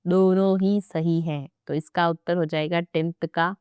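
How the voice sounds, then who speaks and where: A woman's voice: fairly low pitch, steady tone, measured pace, a little mellow, clear, resonant tone, no echo, clean studio sound. A young woman teaching an exam-prep grammar lesson, chatty and playful, with asides to her students.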